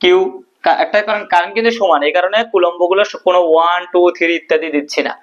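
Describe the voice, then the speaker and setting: A male teacher works through a physics proof at a whiteboard, posing questions and answering them himself. His voice sits high with fairly even intonation, he speaks fast, and the recording is dull and lo-fi.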